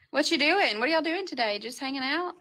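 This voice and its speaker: Bright, high-voiced woman. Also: rough recording. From Tennessee, USA. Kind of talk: casual video chat.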